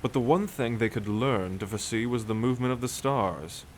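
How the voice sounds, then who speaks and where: Brisk and natural-sounding at medium pitch, a man voices a skeptical, learned sailor with a dry, teasing edge toward his shipmates. It's a cinematic nautical fantasy roleplay, with a little hiss or hum in the recording.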